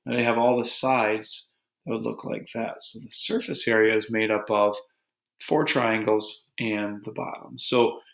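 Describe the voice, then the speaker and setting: A man teaching a geometry lesson to his students in a relaxed, joking way, talking as he draws. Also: fairly low pitch, a little slow, creaky. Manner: relaxed, joking, talks while drawing on a board. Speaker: math teacher. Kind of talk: recorded math lesson. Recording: echoey room.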